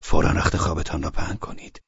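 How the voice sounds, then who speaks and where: A man's voice: dry recording, lo-fi sound, natural voice. A man voicing a stern, commanding middle-aged man who gives curt orders. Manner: curt and bossy.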